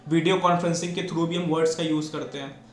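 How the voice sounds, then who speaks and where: A man's voice: a little high, steady tone, quick pace. A man teaching an exam-prep lecture, mixing Hindi and English and asking and answering his own questions. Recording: echoey room with faint noise.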